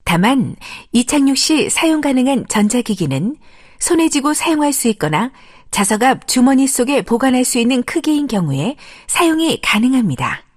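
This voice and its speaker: A woman's voice: high voice, sing-song, normal speed. A woman reading a scripted plane cabin safety announcement in a formal, polite way, as a flight attendant.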